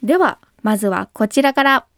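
A woman teaching English pronunciation, speaking clearly and patiently and modeling words slowly. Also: fairly high pitch, animated, a bit bright, dry recording, studio quality. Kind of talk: pronunciation lesson.

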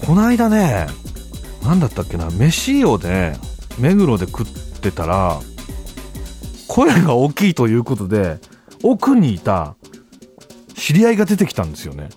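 A man hosting a show as a comedian, telling stories in a loud, animated way in a casual monologue. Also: medium pitch, measured pace, long pauses, soft background music. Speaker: comedian host. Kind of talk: casual radio-style monologue.

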